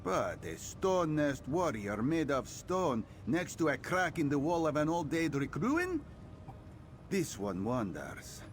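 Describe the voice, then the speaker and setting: In video game dialogue, a sly, thoughtful cat-folk scout speaks slowly in a fully performed character voice, referring to himself in the third person. His fairly high male voice swoops wildly in pitch, with a slight hiss or hum, and his delivery is theatrical and musing, with a puzzled air.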